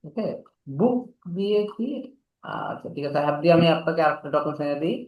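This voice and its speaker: A man teaching an online English class, rattling off quick explanations and then slowing down for model sentences. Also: a little high, lively intonation, reverberant, highs cut off. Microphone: video call.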